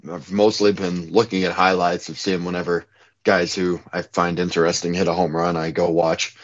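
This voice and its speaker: A man with a fairly low voice chats on a podcast, stuffed up and nasal from a cold. He talks in a relaxed way and leads the conversation. The audio is dull and lo-fi. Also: moderate pace. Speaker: podcast co-host. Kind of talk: casual podcast chat.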